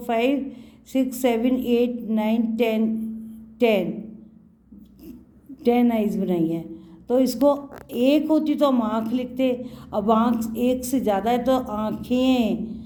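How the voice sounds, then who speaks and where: A woman's voice: a little high, warm tone. A woman teaching Hindi to young children, patiently repeating words for them to echo and mixing in English words.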